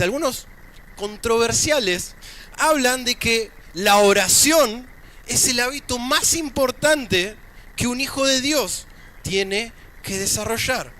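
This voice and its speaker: A man with an Argentine accent preaches a church sermon in a very high voice. His tone is bright and forceful, and his delivery is chatty, with light joking asides between readings from scripture. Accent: Argentine Spanish. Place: church service.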